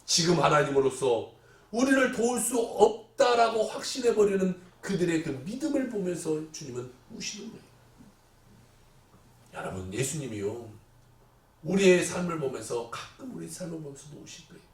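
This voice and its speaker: A male pastor preaches in a high, animated voice that swings widely in pitch, acting out the voices he quotes. He is heard from a little off the mic in an echoey church sanctuary. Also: moderate pace, far from the mic. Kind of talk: sermon.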